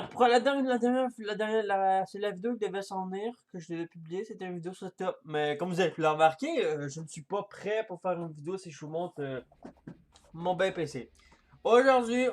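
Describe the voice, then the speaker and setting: A man commenting on his own gameplay in a casual, crude and joking way, going from shouts to mumbles. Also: high voice. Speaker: gaming YouTuber.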